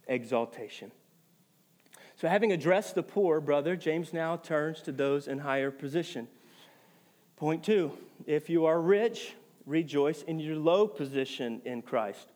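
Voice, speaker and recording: A man with a notably high voice delivers a sermon to his congregation. He preaches with animated energy, often pausing to check in with his listeners and repeating words as he builds toward a point. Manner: animated preaching with frequent "right?" check-ins. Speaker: pastor.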